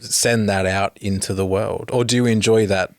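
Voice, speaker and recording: A man's voice: fairly low pitch, fairly even intonation, normal speed, dry recording, studio quality. A man co-hosting a podcast, easygoing and jokey, hedging his comparisons. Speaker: podcast co-host. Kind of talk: casual podcast interview.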